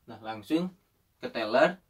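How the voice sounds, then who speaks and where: Young man telling a lively story, far mic. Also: medium pitch, slow pace, slightly rough. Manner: animated storytelling, acts out quoted voices. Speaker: storyteller in a chat. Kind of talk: casual chat.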